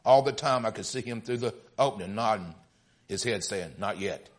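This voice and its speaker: A man's voice: fairly low pitch, moderate pace, pitched below the performer's own voice, natural voice. A man voicing a suffering, pleading male teacup in a story he reads aloud during a sermon. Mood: distressed.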